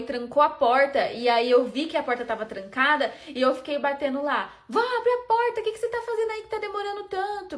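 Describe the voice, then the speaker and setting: A young woman from Brazil casually telling her life story to camera in an emotional, animated way. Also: on the high side. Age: young adult. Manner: animated, emotional retelling with acted-out quotes. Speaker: vlogger.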